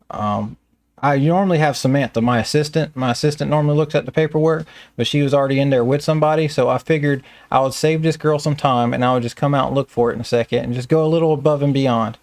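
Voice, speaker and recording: A man's voice: medium pitch, a little mellow, dry recording. A man with a Southern American accent who runs a staffing business, telling stories in a casual, plainspoken interview.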